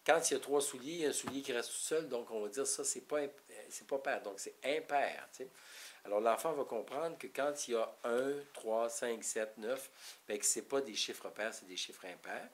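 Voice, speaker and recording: Québécois man, mid-pitched, loose explainer for a parenting talk, faint hiss behind. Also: normal speed. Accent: Québécois French. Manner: rambling, explanatory, many restarts. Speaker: parenting educator. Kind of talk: informal teaching talk.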